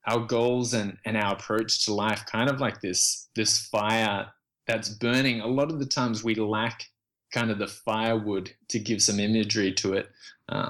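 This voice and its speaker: An Australian man in his thirties talks as a guest on an interview show. His voice is fairly low, and he stops and restarts his sentences with lots of fillers. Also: fairly bright tone. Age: 30s. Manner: hesitant, many restarts and fillers. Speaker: guest writer. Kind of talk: casual interview talk.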